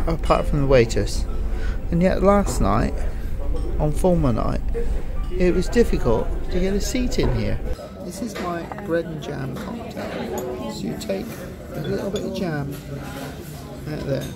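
A middle-aged man vlogging on a cruise ship, chatting with humor to a handheld camera in the dining room and bar. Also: high voice. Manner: jokey, chuckling, talking straight to camera. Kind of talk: casual vlog chat. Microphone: handheld camera at arm's length.

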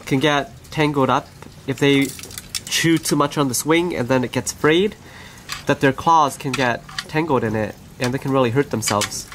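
A pet bird owner and channel host gently narrating pet footage in a casual, conversational way, recorded on the camera mic in an outdoor aviary. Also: mid-range voice, a little hiss or hum.

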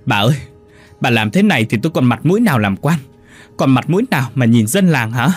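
A man's voice: mid-range voice, expressive, fast talker, husky, soft background music. A man voicing a lecherous, cowardly middle-aged official who leers and stammers in a horror audiobook. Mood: panicked. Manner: leering, then stammering.

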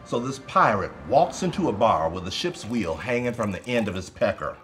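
An actor playing a crude, teasing bar regular who tells dirty jokes. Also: male voice, fairly low pitch, very animated, moderate pace, over music. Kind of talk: film dialogue.

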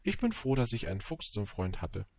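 A man's voice: fairly low pitch, sing-song, brisk, vocal fry, darkish tone. Man reading an earnest little prince. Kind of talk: audiobook reading.

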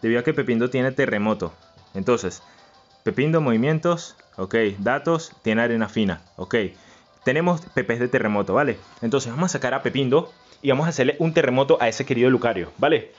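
A man hosting a let's-play, chanting and repeating words and swinging between low mutters and yells. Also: animated, brisk, dull audio, faint music behind. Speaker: gaming channel host. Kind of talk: excited let's-play commentary.

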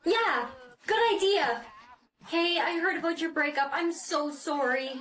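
A woman acting a schoolgirl in a short comedy skit, speaking in a bright, expressive way. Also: extremely high pitch, a little slow. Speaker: skit creator playing a schoolgirl.

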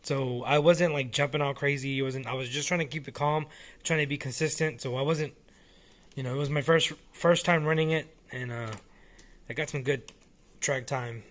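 A man casually talking through a hobby model car while filming it one-handed at home, relaxed and rambling with frequent restarts. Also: medium pitch, moderate pace. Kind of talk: casual off-the-cuff vlog. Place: small indoor room at home.

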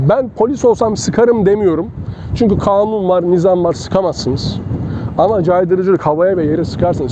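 A man, a self-defense instructor talking casually to his students while he demonstrates moves with a partner. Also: high voice. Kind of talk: casual outdoor training demonstration. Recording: dull lo-fi outdoor sound with faint traffic.

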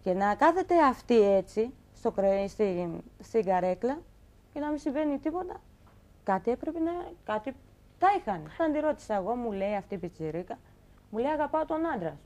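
Young woman, talk-show guest, animated storyteller who acts out quoted lines; fairly high voice. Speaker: guest telling her story. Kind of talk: emotional personal account on a talk show.

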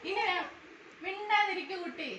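Very high-voiced woman, coaxing baby talk. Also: normal speed, dull audio. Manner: coaxing, scolding sing-song baby talk. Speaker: mother tending her little ones. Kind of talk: home skit, baby talk. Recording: echoey room, distant mic, noisy background.

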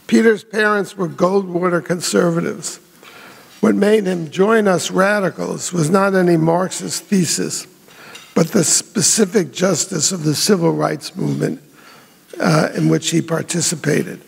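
Older man, gravelly and fairly high, measured memorial speech with hall reverb. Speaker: memorial speaker. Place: hotel ballroom.

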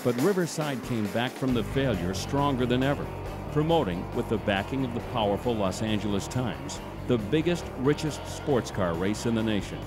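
Man, documentary narration, measured, formal, steady mid pitch, guitar music behind.

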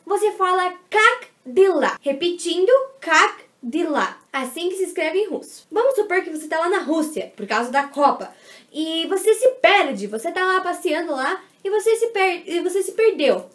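Bubbly high-voiced woman vlogger. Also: sing-song, fairly bright tone. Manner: bubbly, spells out foreign words slowly. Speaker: vlogger teaching words. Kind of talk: playful tutorial vlog. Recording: echoey room.

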